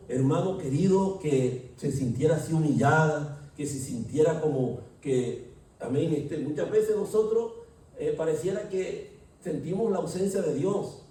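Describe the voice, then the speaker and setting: Echoey preacher, heard from afar. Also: male voice, a little high, dark tone. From Colombia. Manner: emphatic, with rhetorical questions to the congregation. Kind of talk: sermon. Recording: echoey hall, distant mic.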